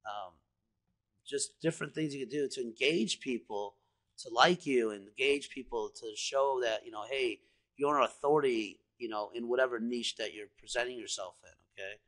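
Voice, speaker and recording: A man's voice: medium pitch, moderate pace, a bit bright. A man giving a casual screen-share walkthrough as an online marketer, rambling and enthusiastic, full of fillers like "you know" and "guys". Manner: enthusiastic, salesy. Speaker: online marketer walking through a screen demo.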